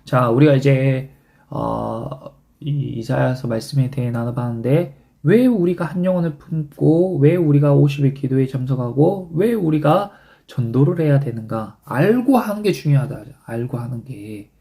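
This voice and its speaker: A middle-aged male pastor giving a sermon, animated, quoting scripture and urging his congregation. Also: normal speed, vocal fry. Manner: animated preaching with wide pitch swings, quoting scripture.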